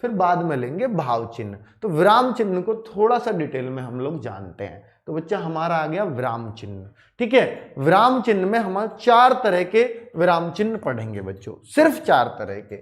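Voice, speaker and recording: Male exam-prep Hindi teacher with a slightly high, very lively voice; keeps calling the class children and asking if they follow. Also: moderate pace, few pauses. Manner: animated, addresses students as children, repeats and asks checking questions. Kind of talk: classroom lecture to exam students.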